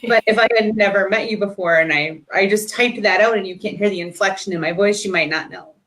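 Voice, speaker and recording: A woman's voice: mid-range voice, fairly quick, fairly bright tone, poor audio. Casual woman co-host. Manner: casual, says "like" often. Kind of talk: casual chat.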